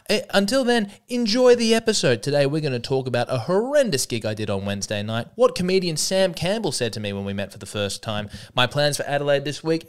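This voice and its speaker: Smooth and a little high, this man's voice ranges widely around a middle register while he jokes through his solo comedy podcast. His delivery is rambling and sarcastic, with plenty of self-deprecation.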